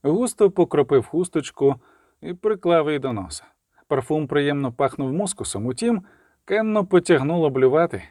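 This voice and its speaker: A man reading an audiobook in a steady, even storytelling manner. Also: a little high, normal speed, no echo, studio quality. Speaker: audiobook narrator. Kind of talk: scripted audiobook narration.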